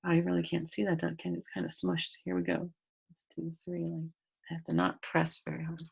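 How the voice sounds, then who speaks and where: Woman, grade school teacher, gravelly, husky, patient, spells out letters. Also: on the low side, completely flat delivery, normal speed. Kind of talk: remote grammar lesson.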